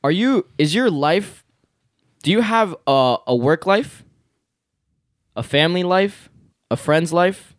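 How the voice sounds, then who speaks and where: A laid-back young man co-hosts a casual chat, peppering his talk with slang. His voice sits a little higher than most men's. The recording is dry and close. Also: lively intonation, slow, long pauses, dry recording. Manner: laid-back, slangy, says yo and bro a lot. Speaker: podcast co-host.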